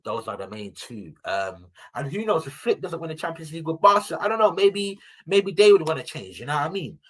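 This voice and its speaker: Animated young man talking football. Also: fairly high pitch, brisk, breathy edge, low-quality recording. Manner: animated slangy banter, addressing listeners as people. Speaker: football podcast pundit. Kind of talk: casual fan chat.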